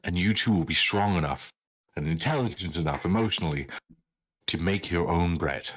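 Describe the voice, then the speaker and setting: A man's voice: deep voice, normal speed, a bit bright. A man playing in an online tabletop game, joking in a mock-earnest tone and laughing a lot. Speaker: player. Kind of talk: casual tabletop play.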